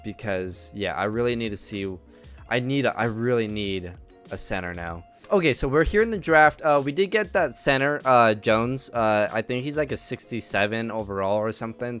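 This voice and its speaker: A man's voice: medium pitch, fairly bright tone, clear, resonant tone. A man giving casual gameplay commentary, thinking aloud with many ums and uhs. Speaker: video game commentator.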